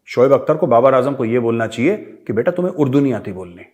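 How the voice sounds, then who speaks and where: An Indian man in middle age, speaking with an Indian accent, holds forth as the host of his own commentary show. His delivery is forceful and rhetorical, full of repeated challenges and pointed questions, in a voice of ordinary middle pitch. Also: lively intonation, quick pace, highs cut off. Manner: forceful, rhetorical, switching between English and Hindi. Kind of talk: opinionated monologue to camera.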